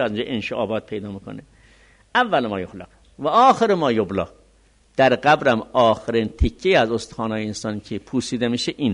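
Male seminary teacher, mid-pitched, animated intonation, alternates slow reading with quick commentary. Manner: reads Arabic text slowly, then explains it quickly. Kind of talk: religious law lecture.

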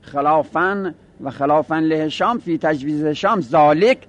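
Man teaching grammar, higher-pitched voice. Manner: explains step by step, mixing Arabic quotes with Persian asides. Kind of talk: seminary-style grammar lesson.

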